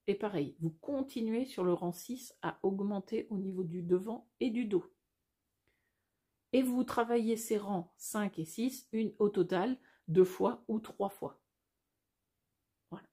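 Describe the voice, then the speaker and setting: Woman, knitting tutorial host, warm dark tone, slightly husky, chatty, self-correcting. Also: mid-range voice, a little slow. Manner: chatty, thinks aloud, self-correcting, many fillers. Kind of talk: casual step-by-step knitting tutorial.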